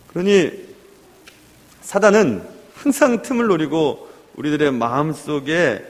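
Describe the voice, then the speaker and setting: A man's voice: fairly high pitch, gravelly. Pastor guy preaching, voice leaps up and down a lot, big church reverb. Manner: animated preaching, acts out quoted voices. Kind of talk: sermon. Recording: long hall reverb.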